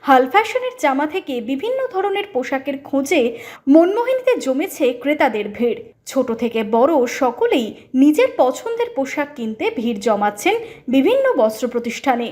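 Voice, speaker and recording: A woman's voice: high voice, sing-song, brisk, darkish tone. A woman reading scripted promotional narration as an emphatic announcer. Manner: emphatic announcer delivery listing prizes. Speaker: promotional news-style announcer.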